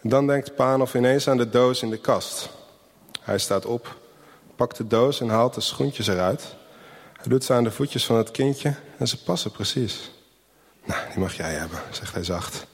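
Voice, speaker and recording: A man reading a children's Christmas story aloud in a gentle, unhurried way, giving the people in it their own voices. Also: mid-range voice, big-room sound. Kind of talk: storybook narration with character voices.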